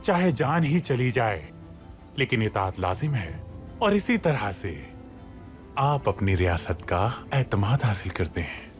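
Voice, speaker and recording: An actor playing a stern statesman in a dubbed drama, speaking in a solemn, measured way. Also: medium pitch, big pitch swings, soft background music, close to an everyday voice. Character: stern older male statesman lecturing on loyalty.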